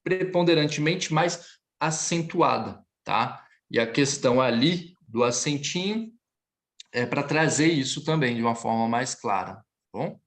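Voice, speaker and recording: Leading a live online class, a male French teacher speaks at a medium pitch, his voice rising and falling in a lively way. He explains things patiently and repeats phrases slowly for his students.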